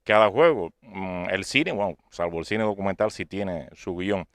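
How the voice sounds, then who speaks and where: A man interviewing an author, asking measured, reflective questions; he calls himself a sports narrator. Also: low-pitched, no room sound, studio quality.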